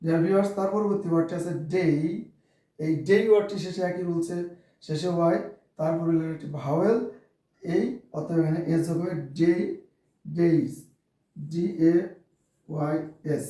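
A man's voice: on the high side, fairly even intonation, normal speed, dark tone. A man with a Bengali accent teaching an English grammar lesson, often calling out "dear viewers" and spelling words letter by letter. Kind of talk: classroom lesson to camera. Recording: very echoey room, voice from far off.

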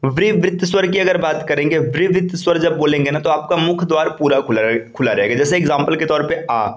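A man teaching a slide-based grammar lesson for exam students, patiently repeating key terms and slowing down to say each vowel sound. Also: a little high. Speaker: Hindi teacher for exam preparation.

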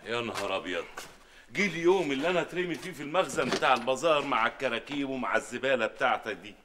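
An actor playing a hot-tempered man conned out of his trip, with an Egyptian accent, loud and indignant in a sitcom. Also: medium pitch, animated, very fast, noisy background, lightly acted. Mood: exasperated. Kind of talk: sitcom acting. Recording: sitcom studio with laugh track. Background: studio audience laughter.

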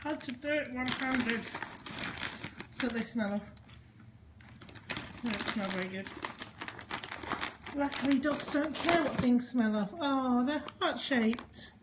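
A woman's voice: on the high side, slow pace, pauses often, heavy background noise. A woman chatting to her dogs in a sing-song, coaxing way as she unboxes a parcel at home. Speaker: dog owner filming an unboxing. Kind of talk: casual talk to her dogs while unboxing.

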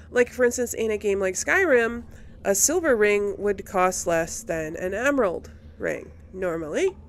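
Thinking out loud and frequently questioning herself, this let's play host offers casual commentary on her game in a mid-range voice. A little hiss or hum can be heard.

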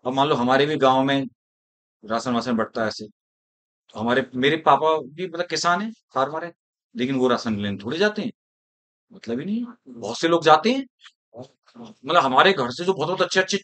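Rhetorical male teacher, slightly high. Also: expressive, a little fast, fairly bright tone. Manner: rhetorical, asks students if they follow. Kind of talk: classroom lecture.

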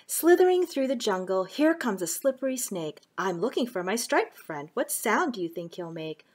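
A middle-aged woman hosting a children's puppet story time, reading a picture book in simple, clear phrases. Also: medium pitch, big pitch swings, normal speed.

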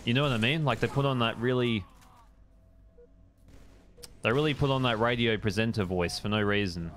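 A man's voice: mid-range voice, normal speed, a bit bright, a little hiss or hum. A young adult man, chatting casually on a gaming live stream, rambling laid-back and swearing at the game.

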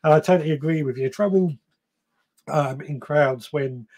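A man in his thirties with a mid-range, darkish, husky voice hosts a gardening podcast live stream from a small shed or room indoors. He chats casually and rambles, reading viewer comments aloud and often stopping to correct himself.

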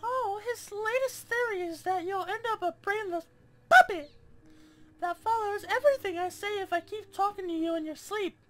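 A man voicing a girly young woman reading her own note aloud, in a high, mock-sweet falsetto. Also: normal speed, pushed and bright, soft background music.

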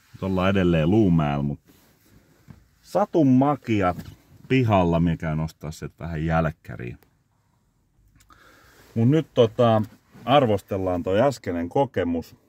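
A man's voice: sits low, lively intonation, pauses often, a little mellow. A man, reviewing a restaurant from a parked car, rambling and correcting himself as he hands out scores. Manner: rambling, self-correcting, scoring dishes out of five. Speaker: food reviewer vlogger. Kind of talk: casual review vlog. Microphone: phone camera on the dashboard.

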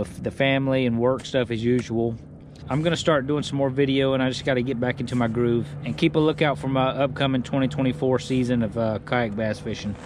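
A middle-aged man talking casually on a fishing vlog from a small boat on a lake, recorded on a mounted action camera. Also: mid-range voice. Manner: relaxed, plain-spoken, rambling. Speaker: fishing vlogger. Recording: outdoor wind and water noise.

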